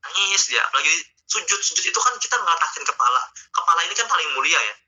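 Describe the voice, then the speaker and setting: A male Islamic teacher talks his listeners through faith in a casual, coaxing way, addressing them directly. His voice is piercingly bright and tense. The sound is dull and lo-fi, like an online stream. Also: fairly high pitch, animated, very fast. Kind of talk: casual online religious talk.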